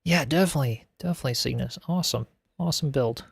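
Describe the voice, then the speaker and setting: A game streamer reacts to builds in casual live commentary, his medium-pitched voice quick, with vocal fry and a breathy edge and no room sound. He chats upbeat, laughing a lot and using plenty of filler words.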